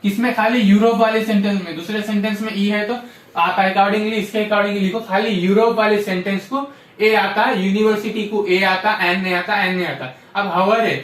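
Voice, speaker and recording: A man's voice: sits high, a bit bright. A man teaching a grammar lesson, repeating rules and checking often that students understand. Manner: repetitive, drills rules with frequent "samjhe?" check-ins. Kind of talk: classroom-style grammar lesson. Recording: echoey room, voice from a distance.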